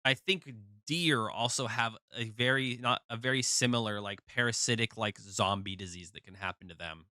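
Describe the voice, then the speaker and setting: Bright, excitable man streaming casual reactions. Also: lowish voice, normal speed, few pauses, dry recording, studio quality. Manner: excitable, sweary interjections.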